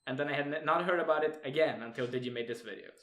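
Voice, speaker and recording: Here a young man from Sweden, co-hosting a podcast, chats casually with a Swedish accent, laughing a lot, cursing offhandedly and stumbling over fillers. His voice is on the high side and a bit bright.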